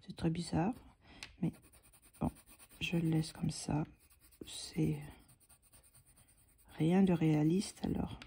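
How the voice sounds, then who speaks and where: A woman giving a calm, soft-spoken coloring lesson, often dropping into a half-whisper as she explains each step. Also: low-pitched, takes it slowly, creaky, pauses often, husky. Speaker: drawing tutor.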